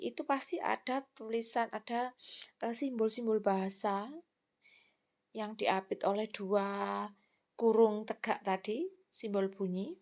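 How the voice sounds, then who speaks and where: A woman giving a recorded lecture, explaining patiently with examples and fillers. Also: on the high side.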